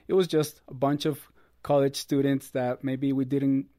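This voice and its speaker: A man's voice: medium pitch, level tone, moderate pace, warm tone, dry recording, studio quality. A man, telling his story as an interview guest in an earnest, upbeat way. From Costa Rica. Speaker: guest, ministry producer. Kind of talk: casual interview.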